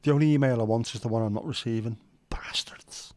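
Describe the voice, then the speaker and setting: Reading out viewer comments, a middle-aged Liverpudlian with a Scouse accent hosts a laid-back stream full of stories, jokes and casual swearing. He talks briskly at a normal middle pitch, and the close, dry sound has no echo.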